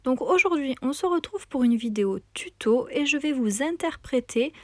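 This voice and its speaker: A woman's voice: high voice, lively intonation, normal speed, dry recording. A woman hosting a craft tutorial in a casual voice-over, chatty and enthusiastic, with lots of hesitant fillers. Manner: hesitant, frequent "euh" fillers. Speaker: craft video host.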